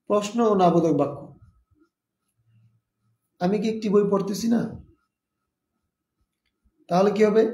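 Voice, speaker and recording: A man's voice: high voice, creaky, mellow, echoey room. A man teaching a live online spoken English lesson, explaining step by step and repeating example sentences.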